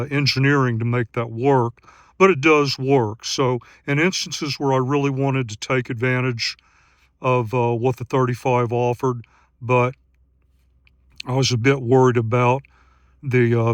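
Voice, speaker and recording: Man in his sixties, outdoor gear vlogger, mid-pitched and methodical with lots of "uh" fillers, slightly winded, dry close sound. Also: clear, resonant tone, no echo. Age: 60s. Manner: steady, methodical, with frequent pauses and "uh" fillers. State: out of breath after running. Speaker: gear reviewer and search-and-rescue volunteer. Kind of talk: outdoor field vlog narration. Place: outdoors on night trails in grasslands.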